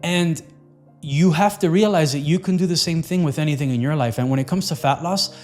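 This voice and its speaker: A man's voice: a little high, fairly quick, faint music behind. A man coaching on fat loss in an earnest, loose motivational talk, with repetitive phrasing and plenty of fillers.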